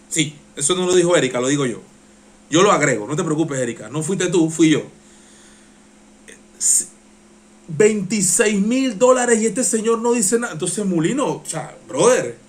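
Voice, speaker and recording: A man with a Panamanian accent hosting a live-stream reaction show, talking passionately and getting worked up. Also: on the high side. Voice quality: strains his voice. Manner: excitable, passionate, gets worked up. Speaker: live-stream political commentator.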